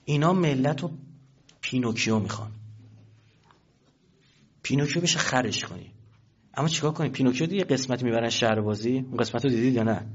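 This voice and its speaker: A man's voice: medium pitch, long pauses, slightly rough, lo-fi sound. A man giving a colloquial political talk to an audience, emphatic and full of rhetorical questions. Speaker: speaker addressing an audience.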